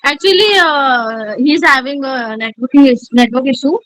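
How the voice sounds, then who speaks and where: An Indian woman leads an online class as a trainer and gives feedback in a high, bright voice. Her delivery is encouraging and loose, with many "you know" fillers, and it sounds dry and close over a video call. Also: moderate pace, dry recording, low-quality recording. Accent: Indian English. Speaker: communication skills trainer.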